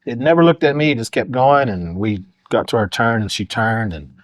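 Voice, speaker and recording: A man's voice: mid-range voice, animated, brisk, dry recording. A middle-aged man from Oklahoma, a podcast guest telling stories in a casual, rambling way full of fillers. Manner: rambling, lots of uh and you know. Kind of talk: casual storytelling.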